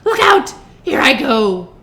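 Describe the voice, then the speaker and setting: A woman voicing a wicked, cunning old witch in a storybook, with a shrill, wailing, dramatic delivery. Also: big pitch swings, slow, vocal fry, sharp tone, full character voice. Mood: wailing resignation. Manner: dramatic, taunting. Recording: noisy recording with low rumble.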